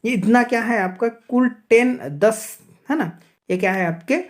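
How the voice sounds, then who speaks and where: A man's voice: very high-pitched, unhurried. Man teaching grammar. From Chhattisgarh, India. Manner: asks and answers his own rhetorical questions; keeps checking in with a repeated "okay". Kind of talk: exam-prep lesson.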